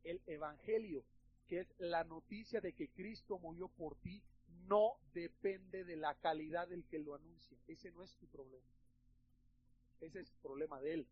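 A man's voice: a little high, measured pace, muffled recording, slight background noise. A male pastor with a Mexican Spanish accent preaches emphatically and conversationally, often calling the listeners brothers. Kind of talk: sermon.

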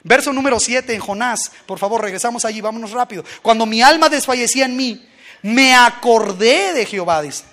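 Man, very high-pitched voice, animated sermon, rhetorical questions, acted-out voices. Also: fast. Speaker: preacher.

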